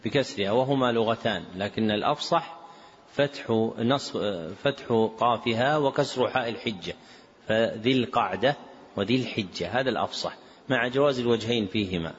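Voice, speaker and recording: A man teaching and explaining a classical text in a measured way, clearing his throat and giving short cues to the reader. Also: lowish voice, a little hiss or hum. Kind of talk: lesson commentary. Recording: dull lo-fi recording.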